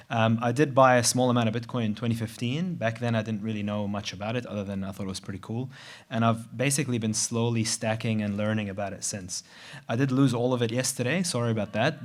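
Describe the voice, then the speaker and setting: A middle-aged man who grew up in Dubai, giving a conference presentation in a conversational, measured way with some restarts. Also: lowish voice. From Middle East, grew up in Dubai. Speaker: conference speaker, surgeon. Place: large venue.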